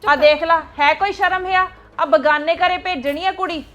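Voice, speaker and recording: A woman's voice: high voice, a little fast, a bit bright, muffled recording. A woman acting a scolding older grandmother and nagging mother-in-law in a family drama. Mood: angry scolding.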